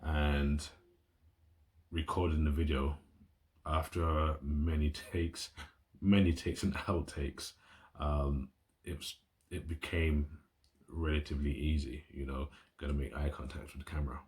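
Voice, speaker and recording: Sitting at a table at home, a YouTuber talks to his phone camera and its built-in mic, rambling enthusiastically while he shows off his gear in a casual vlog. His pitch is extremely low, his delivery flat and a little slow, with a darkish tone.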